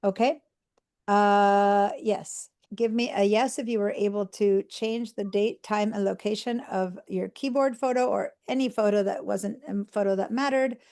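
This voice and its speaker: In her live online computer class, an Argentine teacher talks a little slowly, her mid-range voice steady in tone and a little mellow. She patiently guides students one step at a time, pausing to check in and leaning on fillers.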